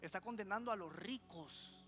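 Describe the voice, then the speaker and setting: A man's voice: sits high, normal speed, faint music behind. A male pastor preaching a conversational sermon in a church, keeping the congregation engaged with questions. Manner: lively preaching, asks the congregation for replies. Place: church sanctuary.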